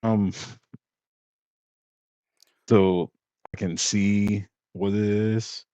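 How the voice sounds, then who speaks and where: Male player, slow and low, slightly muffled sound, hesitant. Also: level tone, dark tone, dry recording. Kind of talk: casual tabletop play.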